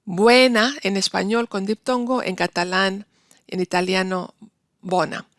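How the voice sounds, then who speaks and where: A woman teaching a university Spanish linguistics lecture, explaining patiently and slowing down to stress example words. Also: mid-range voice, fairly even intonation, no echo, clean studio sound.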